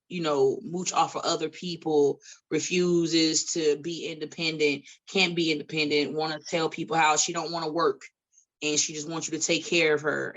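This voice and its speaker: The recording is rough as a woman in her late thirties, a podcast guest who wrestles independently, talks from a studio table in a low voice with a fairly bright tone. Her casual chat is blunt and laced with swearing, plus some preachy asides.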